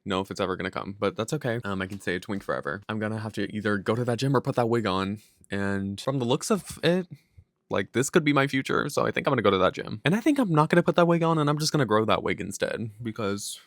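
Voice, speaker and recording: Young man, early twenties, sassy casual vlog chat, swears a lot, lowish voice, dry mic. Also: no echo. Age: young adult. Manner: sassy, joking, profane. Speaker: vlogger.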